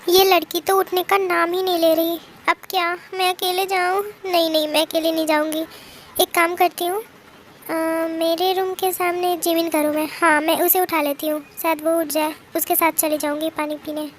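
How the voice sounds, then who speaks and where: In a fan-made drama dub, a woman voices a timid, easily frightened young woman who anxiously pleads and mutters to herself. Her voice is very high-pitched with little pitch movement at a moderate pace, and there's a slight hiss or hum.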